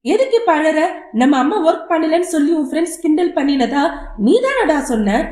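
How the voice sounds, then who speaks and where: A woman's voice: sits high, big pitch swings, a little fast, a little mellow. A woman voicing a sensible older girl who coaxes and reasons with her little brother. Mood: coaxing. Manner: coaxing, reasoning tone. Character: older girl, sensible caring big sister. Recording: roomy echo.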